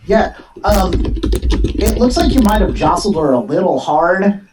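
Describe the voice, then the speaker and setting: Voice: mid-range voice, animated, unhurried, noisy background. A game master talking casually and animatedly while running a tabletop role-playing game.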